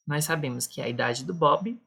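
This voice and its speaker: A woman's voice: deep voice, moderate pace, gravelly, fairly bright tone, husky. A woman teaching a beginner lesson, patiently explaining each point twice. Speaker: English teacher.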